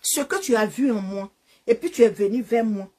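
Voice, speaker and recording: High-pitched woman ranting insults at a phone. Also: normal speed, a little mellow, breathy edge. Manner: insulting, confrontational, taunting. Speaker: social media live streamer. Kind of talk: angry insult-filled rant to a phone. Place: living in Canada. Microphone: phone camera.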